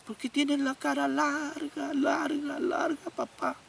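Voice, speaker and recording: A man's voice: extremely high pitch, level tone, measured pace, creaky, fairly bright tone, far from the mic, slight background noise, voice pushed up, heavily acted. A man voicing an eager, curious little boy of five who asks questions insistently.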